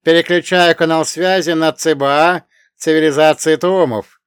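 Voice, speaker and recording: A man voicing a female crystal AI translator, speaking in an even, almost metallic, formal way. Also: on the high side, clean tone, no room sound, clean studio sound, voice pushed up, lightly acted. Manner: formal, measured announcements.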